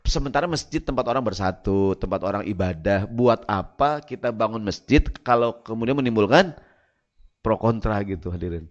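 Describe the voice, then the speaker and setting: A man's voice: lowish voice, animated, moderate pace, muffled recording. A man preaching a sermon to a congregation, joking and asking the crowd questions.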